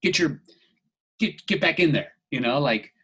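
A man voicing a tall male groundskeeper who softly shushes and coaxes people back to sleep, repeating himself. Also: a little high, lively intonation, normal speed, breathy edge. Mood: soothing. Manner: soft shushing, repetitive coaxing.

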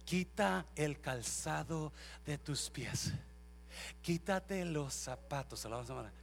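A pastor preaching a sermon, swinging from shouting to soft talk, repeating his phrases and mixing in English. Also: a little high, expressive, slow pace, gravelly, slight background noise. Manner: mixes English and Spanish.

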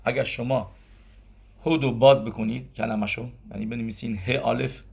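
This rabbi's voice is mid-range and creaky, darkish with a breathy edge, and his intonation stays fairly even. He gives a Torah lesson in Persian, explaining step by step, reckoning gematria aloud, and answering the questions he raises.

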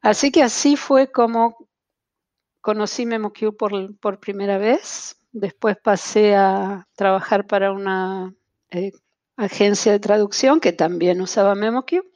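In this video-call interview, the guest, a translation-tool specialist from Argentina with an Argentine Spanish accent, talks with many fillers and restarts. Her mid-range voice is fairly even, a little slow and slightly mellow, with no echo.

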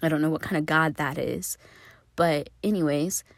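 A woman's voice: low voice, normal speed, gravelly, dry recording, studio quality. A woman in her thirties telling her life story casually to camera, candid and swearing freely as she talks straight to viewers. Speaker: vlogger.

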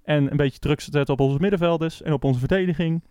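Halting man, dry sound. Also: a little high, dark tone, smooth, dry recording. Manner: halting, many restarts and fillers. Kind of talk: casual chat.

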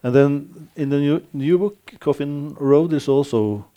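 Mellow-voiced hesitant male interviewer. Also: a little high, measured pace. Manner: hesitant, frequent backchannels. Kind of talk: interview questions.

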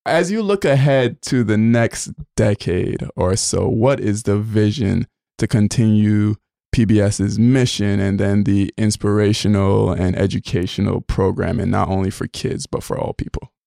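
A man's voice: on the low side, unhurried, gravelly, mellow, dry recording, studio quality. A man from Barbados, hosting an interview in a friendly, chatty way with long questions. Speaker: interview host. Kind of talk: conversational interview.

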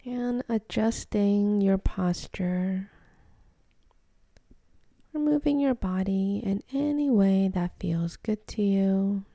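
A woman leads a meditation in a very dark, mellow mid-range voice edged with gravelly fry, speaking softly near a whisper with lively intonation and no room sound. Her soothing, gentle instructions come unhurried, with long pauses between phrases.

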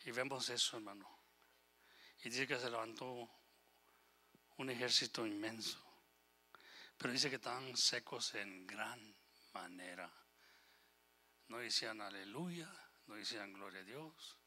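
A man preaching a sermon with passion, swinging between loud exhortation and quiet asides, quoting scripture and voicing God's words. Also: mid-range voice, unhurried, long pauses. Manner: impassioned, rising and falling in volume, quotes scripture and God's voice; switches briefly into English phrases. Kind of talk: Spanish-language sermon.

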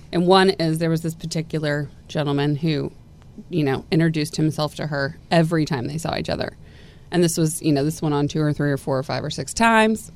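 A woman co-hosting a casual chat, animated and quick to laugh, often talking over her partner. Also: low-pitched. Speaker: podcast co-host.

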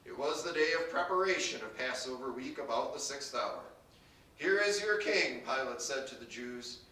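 A man's voice: mid-range voice, brisk, bright, forceful tone, roomy sound, recorded from a distance, rough recording. A man pastor reading scripture in a worship service, his voice rising sharply on the quoted lines. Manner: dramatic reading, raising his voice for quoted speakers. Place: church sanctuary.

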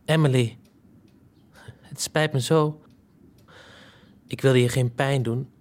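A man's voice: medium pitch, steady tone, takes it slowly, darkish tone, lightly acted. An actor playing a lovesick, remorseful young man who talks in a pleading, confessional way in an audio drama. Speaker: main character.

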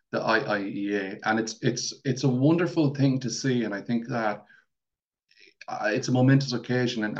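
A man's voice: on the low side, muffled recording. A man from County Mayo with a thick west of Ireland accent, giving a semi-formal talk and often repeating and rephrasing as he goes.

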